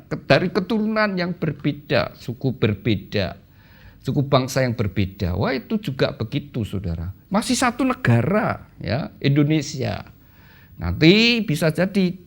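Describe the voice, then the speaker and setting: A man teaching a premarital class at church, speaking casually and often addressing listeners as brothers and sisters. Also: gravelly. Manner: lively, addresses listeners as "saudara"; acts out quoted voices with sudden pitch jumps.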